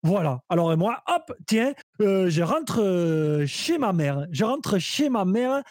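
A man's voice: high-pitched, big pitch swings, takes it slowly, a little mellow, no echo, studio quality, heavily acted. A man playing a hot-headed southern French café worker with a put-on Marseille accent, ranting theatrically in a live improv scene. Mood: exasperated. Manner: exasperated, theatrical rants.

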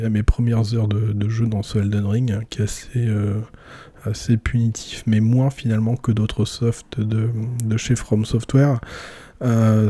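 Man, low dark voice, husky, hesitant podcast chat, dry close mic. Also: dry recording. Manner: hesitant, many fillers and restarts. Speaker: podcast host. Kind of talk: casual solo podcast chat.

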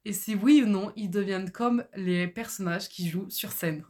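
A woman's voice: mid-range voice, normal speed, darkish tone. A young woman co-hosting a casual podcast, talking enthusiastically with lots of fillers. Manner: enthusiastic, gushing, many fillers. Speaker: podcast co-host. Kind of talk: casual chat about books.

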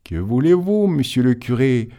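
A man's voice: medium pitch, sing-song, moderate pace, mellow, voice pushed up. A man voicing a solemn male angel who keeps a great book, grave and given to sighing, in a told tale. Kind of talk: audiobook storytelling.

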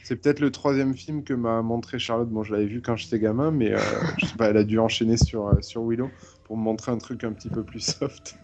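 A man's voice: medium pitch, fairly even intonation, fairly quick, a little mellow, slight background noise. A man co-hosting a casual chat, teasing and cutting in. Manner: teasing, interjecting. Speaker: podcast co-host.

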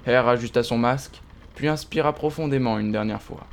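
A man giving steady, understated scripted narration of an audio drama. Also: mid-range voice, brisk, gravelly, slight background noise.

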